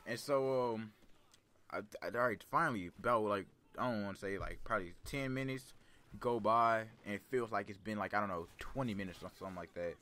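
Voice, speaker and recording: Laid-back young man, fairly low voice. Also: brisk. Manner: laid-back, calm, serious delivery. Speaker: storyteller. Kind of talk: casual rambling personal storytelling.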